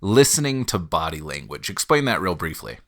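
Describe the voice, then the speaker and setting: A man's voice: deep voice, very animated, moderate pace. A man with a head cold co-hosting a podcast, summing up and paraphrasing what his partner says. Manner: summarizing and paraphrasing the other speaker. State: sick, stuffy head cold. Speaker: podcast co-host. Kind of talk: casual podcast conversation.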